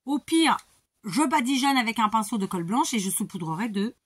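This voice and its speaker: A woman's voice: fairly high pitch, lively intonation, a little fast, husky, no room sound. A woman in her forties chatting casually to her viewers while she works on a craft project, rambling with many fillers and restarts. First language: speaks Portuguese too. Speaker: crafter vlogger.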